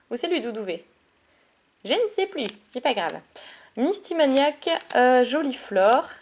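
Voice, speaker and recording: A woman chatting excitedly while opening trading card packs, giggly and quick to correct herself. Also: fairly high pitch. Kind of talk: casual card-opening vlog.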